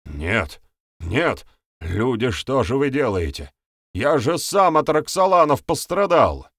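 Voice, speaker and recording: A man's voice: medium pitch, very animated, normal speed, dry recording, clean studio sound, natural voice. A man voicing a nervous, lying male villager who whines and protests shrilly. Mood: panicked.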